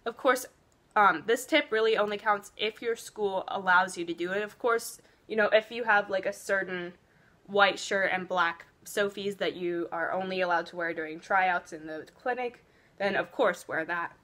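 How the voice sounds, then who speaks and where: A woman's voice: medium pitch, moderate pace. A teenage girl chatting casually while doing her makeup, giving earnest cheer tryout advice with lots of fillers. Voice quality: loud voice. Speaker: beauty vlogger. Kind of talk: casual get-ready-with-me chat.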